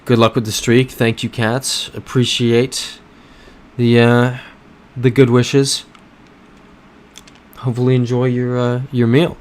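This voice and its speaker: In a relaxed live stream of a map-guessing game, an American man speaks slowly in a mid-range voice with little pitch movement. He reads chat messages aloud for his viewers and talks through his guesses from the map clues.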